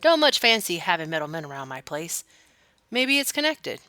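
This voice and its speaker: A woman's voice: fairly low pitch, sing-song, moderate pace, pushed and bright, no echo. A woman voicing a suspicious, plain-spoken farm villager from a video game, folksy and grumbling. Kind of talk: video game character read-aloud.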